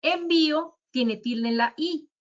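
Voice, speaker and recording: A woman with a high voice and a Colombian Spanish accent speaks slowly as she walks through spelling examples one by one at a virtual writing conference. She teaches patiently, and the audio sounds somewhat dull, like a web meeting.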